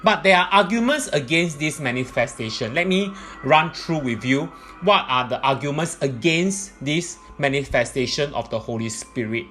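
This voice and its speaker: Lively, methodical religious teacher over faint music. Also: mid-range voice, moderate pace. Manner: methodical, point-by-point delivery.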